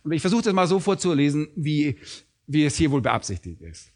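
A man's voice: a little high, fairly quick, a little mellow. A man preaching an expository sermon in an emphatic, rhetorical way.

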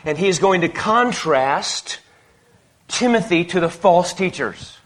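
A man's voice: high-pitched, lively intonation. Emphatic preacher man, short phrases. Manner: pauses phrase by phrase for translation, emphatic. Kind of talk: sermon with live interpreter.

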